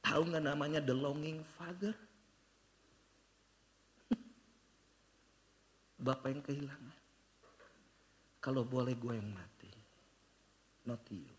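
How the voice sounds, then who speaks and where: An older man preaching a sermon as pastor, telling stories and slipping English phrases into his talk, swinging between loud bursts and hushed low passages. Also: slow pace, pauses often. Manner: mixes in English phrases, storytelling.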